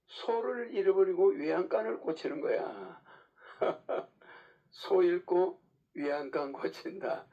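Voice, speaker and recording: A man's voice: fairly high pitch, mellow. A man preaching a sermon in a casual, lecturing way, often checking in with rhetorical questions. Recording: dull lo-fi recording.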